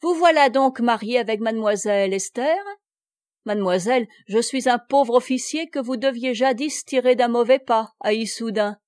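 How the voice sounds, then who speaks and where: A cocky upstart officer, middle-aged and glib, speaks up loudly, as a woman puts him on. The voice rides slightly high over a dry, close recording, with an easy swagger. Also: normal speed, no room sound, natural voice. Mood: brash.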